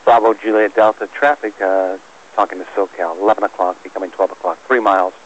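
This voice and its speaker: A man's voice: sits low, steady tone, a little fast. A man working as an airport tower air traffic controller, giving clipped instructions over air band radio. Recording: muffled radio with faint static.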